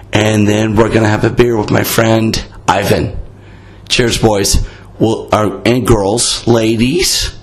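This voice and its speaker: Hoarse, low-voiced man, casual podcast host. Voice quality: raspy, hoarse. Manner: blunt, profane, self-mocking. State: voice worn out. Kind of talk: casual rambling monologue.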